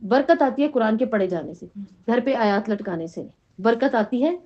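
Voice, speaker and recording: A woman's voice: on the high side, animated. A middle-aged woman teaching a Quran lesson to a class, often asking questions and checking in with "right?". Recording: dull lo-fi recording.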